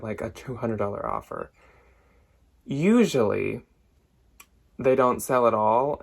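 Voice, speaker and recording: A man's voice: mid-range voice, gravelly. A young man chatting casually through a thrift haul for resale, filled with "like" and small asides, now and then a bit out of breath. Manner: chatty, lots of "like", loses track and laughs at himself. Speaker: thrift reseller vlogger. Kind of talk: casual haul talk to camera.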